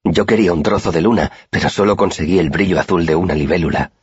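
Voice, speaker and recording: A man voicing a shy, dreamy young woman who speaks with wistful, childlike wonder in a softened, husky voice. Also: sits low, quick pace, no echo. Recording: dry, slightly dull recording.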